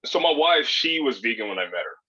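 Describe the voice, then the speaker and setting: On dull audio, a very animated man in his thirties speaks a little fast in a mid-range, slightly rough voice with a sharp tone. The California-born guest, raised in Hawaii and Spain, rambles easily through a casual podcast interview, with lots of fillers and restarts.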